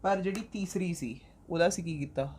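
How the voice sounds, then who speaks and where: A female math teacher from Punjab, India, leads her class through a lesson one step at a time, asking a question, pausing, then answering it herself while patiently repeating key points. English math terms pepper her explanations. Her voice is fairly low, husky, and somewhat dark in tone.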